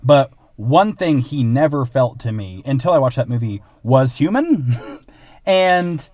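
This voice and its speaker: A man from Illinois speaking on a podcast, recorded dry and close with no room sound. He is earnest and halting, with plenty of fillers and quick laughs. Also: mid-range voice, expressive, a little mellow, dry recording. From Illinois, USA. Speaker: podcast co-host. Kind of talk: casual film podcast chat.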